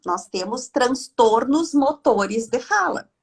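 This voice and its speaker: A woman, a speech therapist speaking from home on a video call in a live online talk, explaining in a chatty, animated way. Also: a little high, slow, breathy edge.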